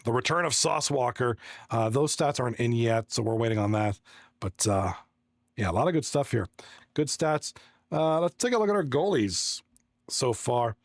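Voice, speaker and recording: Friendly and rambling, this Toronto-based esports hockey commentator reads his livestream chat aloud and goes over stats, restarting often. His mid-range voice is expressive at normal speed, studio quality with no room sound.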